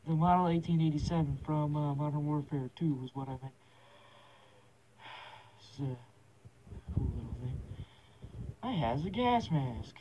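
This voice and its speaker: A man's voice: on the high side, normal speed, pauses often. A young man vlogging through a gas mask, rambling and swearing in an offhand way. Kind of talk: casual rambling vlog talk. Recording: dull lo-fi with faint hiss.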